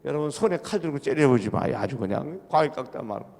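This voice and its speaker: A middle-aged man preaches a revival sermon in a church, his voice gravelly and pitched a little high. He tells folksy, humorous stories with emphatic delivery, and a long reverb from the church hall trails each phrase. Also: lively intonation, quick pace, a little mellow. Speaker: pastor. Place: church sanctuary.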